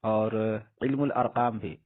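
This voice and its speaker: A man teaching a grammar lesson in a patient, repetitive way. He asks a question and answers it himself. His voice is husky and comes through a thin, phone-like recording. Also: medium pitch, fairly even intonation. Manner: asks questions and answers them himself, repeating words slowly. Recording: husky voice on tinny phone-like audio.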